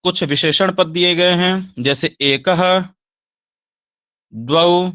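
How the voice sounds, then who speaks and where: A man teaching Sanskrit grammar, slowly reciting verb forms in a recorded lesson, with a Hindi accent. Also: sits high, steady tone, sharp tone, dry recording, lo-fi sound.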